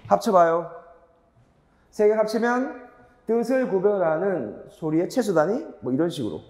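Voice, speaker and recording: A male grammar teacher lectures in a roomy hall with long reverb. His voice sits a little high yet mellow, and his pitch swings widely as he fires rhetorical questions at his students and drives points home by repeating them. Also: lively intonation, moderate pace.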